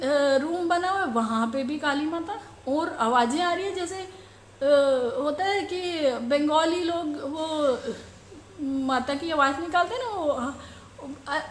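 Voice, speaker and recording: A middle-aged woman telling the congregation about a devotional dream, slow and halting as she searches for words. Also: high voice, a little hiss or hum. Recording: roomy echo.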